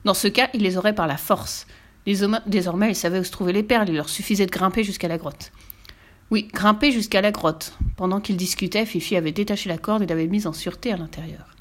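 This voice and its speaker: Calm woman reading a children's story. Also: medium pitch, fast. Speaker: narrator.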